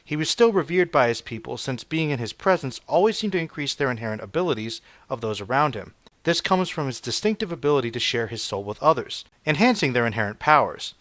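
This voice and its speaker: A man narrating a scripted video essay as a reviewer, with a measured, analytical delivery. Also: mid-range voice, expressive, a bit bright, dry recording.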